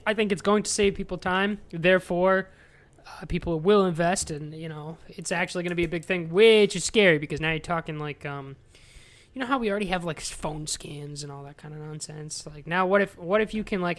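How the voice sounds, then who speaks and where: A man's voice: on the high side, normal speed, fairly bright tone. A young man co-hosting a casual podcast chat, rambling and earnest, often restarting his thoughts. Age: young adult. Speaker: podcast co-host.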